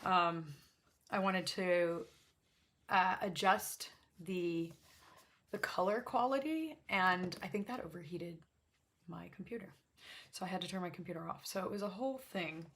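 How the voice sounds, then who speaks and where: A woman speaks in a fairly low register with a slightly gravelly edge. She hosts a casual art demonstration in a chatty, unscripted way. Her talk rambles, with self-interruptions and an apologetic manner. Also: unhurried, pauses often, fairly bright tone. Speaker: host of an art livestream swatching watercolors. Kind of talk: casual chat to camera while demonstrating. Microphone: backup microphone.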